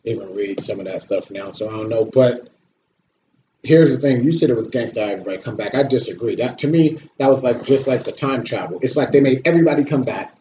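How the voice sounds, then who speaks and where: A male host's warm, mid-range voice moves briskly through a blunt, casual movie review full of complaints, opinions and free swearing. The recording sounds dull and echoey, with a bit of noise.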